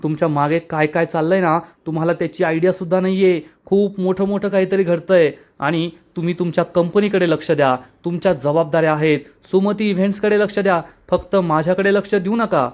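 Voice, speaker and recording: A man's voice: high voice, steady tone, fairly quick, few pauses, darkish tone, close to an everyday voice. A man voicing an exasperated young wife who scolds her husband, in a serial episode recap. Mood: angry. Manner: scolding, indignant.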